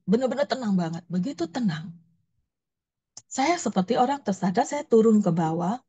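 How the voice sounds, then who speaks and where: A woman's voice: medium pitch, mellow, slightly rough, dull audio. A woman pastor, telling a personal testimony in a sermon, emotional and storytelling, acting out her own prayers.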